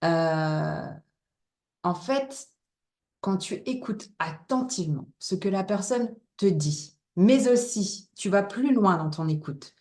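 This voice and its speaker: A woman's voice: mid-range voice, warm tone. A woman from northern France talks openly as a guest on an interview podcast. She is chatty and candid, laughs readily, and her voice sits in a mid range with a roomy echo around it. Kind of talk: casual interview chat.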